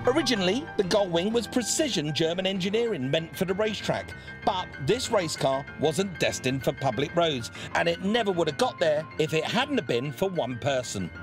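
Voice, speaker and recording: A man narrating a documentary in a lively, emphatic scripted delivery. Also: on the high side, moderate pace. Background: background music.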